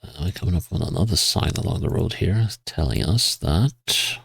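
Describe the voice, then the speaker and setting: A man giving casual gameplay commentary, musing to himself and reading signs and place names aloud in a husky voice. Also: deep voice, moderate pace, no room sound. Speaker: GeoGuessr player.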